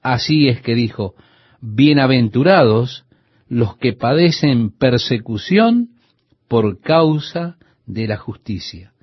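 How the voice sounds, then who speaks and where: Husky lively-voiced male radio preacher. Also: mid-range voice, slow, dry recording. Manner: earnest, addresses the listener directly. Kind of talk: radio sermon. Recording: dull, lo-fi dry recording.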